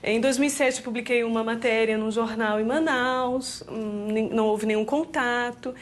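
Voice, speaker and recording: Animated Brazilian woman telling her story. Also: fairly high pitch, moderate pace. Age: 30s. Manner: animated storytelling with frequent "né?" tags, laughing. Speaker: guest. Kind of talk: personal story in a TV interview.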